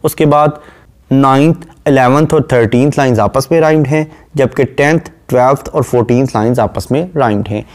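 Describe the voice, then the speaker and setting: A man lecturing on poetry in a Urdu-inflected Hindustani accent, at a mid-range pitch. He reads each quoted line slowly, then paraphrases it. In the drill passages he runs quickly through list after list. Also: darkish tone. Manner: rapid listing during rhyme scheme drills. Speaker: literature lecturer.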